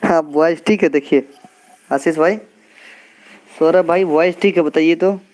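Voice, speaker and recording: A man's voice: on the high side, slow, a little mellow, a little hiss or hum, poor audio. A man hosting a live stream, chatting casually with viewers and teasing them by name. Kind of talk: casual live chat reading comments. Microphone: earphone mic.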